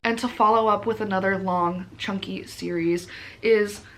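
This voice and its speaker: A woman's voice: medium pitch, steady tone, moderate pace, rough recording. A tired woman chatting casually to camera as a book vlogger, informal, rambling and self-deprecating. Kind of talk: casual rambling chat to camera about books.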